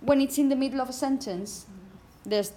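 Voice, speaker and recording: A woman's voice: high-pitched, normal speed, background noise. A woman teaching a classroom pronunciation lesson, patiently correcting students and often checking "okay?".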